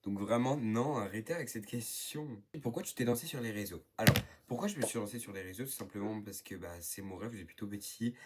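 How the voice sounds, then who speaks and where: With few pauses and a brisk delivery, a northern French teenage YouTuber chats through viewer questions in a rambling vlog full of fillers. His voice is lowish, and there is slight background noise.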